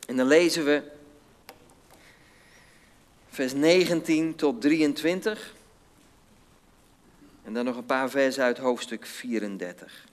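A man preaching a sermon, reading scripture slowly and solemnly and then explaining it in plain words. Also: mid-range voice. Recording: long hall reverb.

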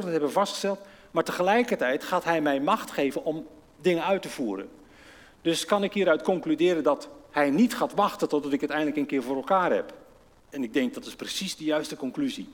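A man delivers a sermon in a chatty, down-to-earth way, turning to his listeners with questions. His voice sits a little high for a man. It carries with the long echo of a large hall. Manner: conversational, asks the audience questions, acts out quotes. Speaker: preacher.

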